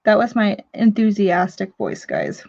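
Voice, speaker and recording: A woman's voice: mid-range voice, wildly swooping pitch, measured pace, creaky, a little mellow, no room sound, muffled recording. Chatty woman hosting a home live stream. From Missouri. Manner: chatty, joking, reads out viewer comments. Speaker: live stream talk show host. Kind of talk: casual live stream chat. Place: home living room.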